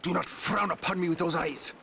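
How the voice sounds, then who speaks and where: A proud captive sailor from a video game, haughty and formal in his speech. His voice is gravelly and bright, and pitched a little high. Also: fairly even intonation, a little fast, a little hiss or hum, full character voice. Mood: indignant. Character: proud, indignant captive Egyptian sailor man.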